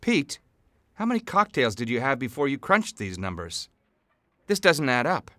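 A man's voice: mid-range voice, big pitch swings, normal speed, fairly bright tone, slight background noise. A man playing a sarcastic senior office boss in a puppet parody. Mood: sardonic.

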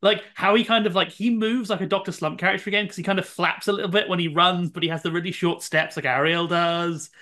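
A man's voice: high-pitched, fairly even intonation, fast talker, few pauses, pushed and bright. A man from outside the United States co-hosting an anime rewatch show, wry and joking. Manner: wry, joking, laughs between lines. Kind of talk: casual reaction chat.

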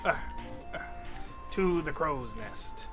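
A man's voice: on the high side, animated, slow pace, fairly bright tone, faint music behind. A young man casually commenting on a game he plays, playfully reading dialogue in silly voices. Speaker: let's play gamer.

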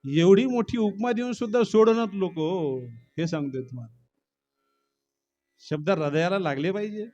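A male preacher telling a devotional story in a dramatic way, swinging between low murmurs and loud cries and breaking into song. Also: normal speed, long pauses, dull audio. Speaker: kirtan preacher.

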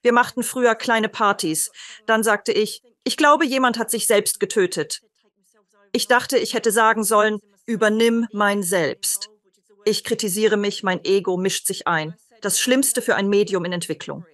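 A woman's voice: medium pitch, moderate pace, no echo. A woman from Britain, a psychic medium, tells her stories to an interviewer in a mid-range voice. She slips into the voices of the people she quotes as she goes. The sound is close and dry, with no room around it. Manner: lively anecdotes acting out quoted dialogue. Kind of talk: personal storytelling in an interview.

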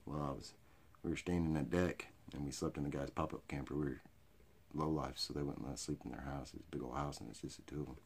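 A middle-aged American man with a hick drawl and a gravelly, raspy voice, rambling through off-the-cuff comedy to camera in a crude, rowdy redneck manner. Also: rumbling low, steady tone, quick pace, slight background noise. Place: small cluttered indoor storage room or workshop. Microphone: phone or webcam at arm's length.

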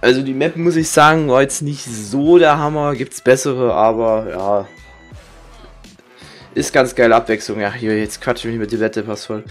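A young man rambles casually as he plays a game for viewers. His voice sits at an average male pitch. He talks in slang, grumbles and swears freely, with music playing underneath. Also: moderate pace. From Germany. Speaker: gaming streamer. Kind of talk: casual rambling gameplay commentary. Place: indoor room with webcam.

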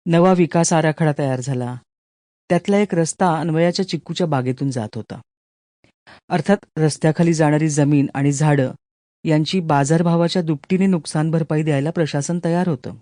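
A woman audiobook narrator reading a literary short story in a measured, storytelling manner, recorded close in a studio. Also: sits low, mellow, no room sound. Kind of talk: scripted narration.

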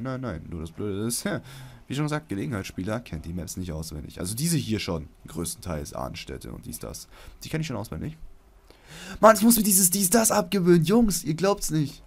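A young man giving casual, slangy commentary on his gameplay, with sudden loud outbursts at the game. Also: low voice, vocal fry. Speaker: let's play gamer.

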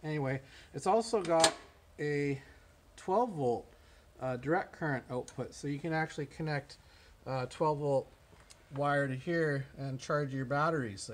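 Plain-spoken man demoing a generator. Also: medium pitch. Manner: plain, matter-of-fact explaining with fillers. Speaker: equipment seller demonstrating a generator. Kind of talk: casual product demo. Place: indoor barn or workshop with concrete floor.

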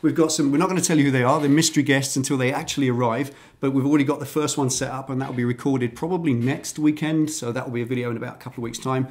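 A man's voice: mid-range voice, steady tone, racing, hardly any pauses, darkish tone. A man hosting a casual garage vlog, chatty and enthusiastic, recorded on a standalone microphone. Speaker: channel host.

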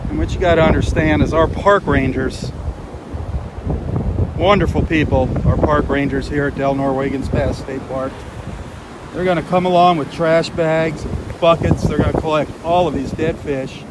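On a live beach walk by the surf, a man talks in an earnest, dismayed way, his fairly high voice evenly intoned at normal speed. The windy outdoor setting puts wind and crashing waves on the mic.

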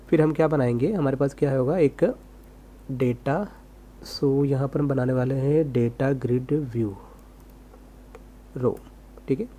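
A man's voice: medium pitch, warm tone, husky. A man giving a casual screen-recorded coding lesson, asking himself rhetorical questions as he types. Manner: casual, rhetorical self-questions, talks while typing. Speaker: programming tutor.

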